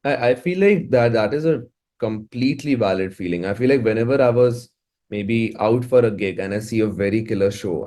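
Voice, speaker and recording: A mellow, medium-pitched male voice belongs to a musician and music producer with an Indian accent. As an interview guest he chats casually, often going back to repeat and restart what he's saying.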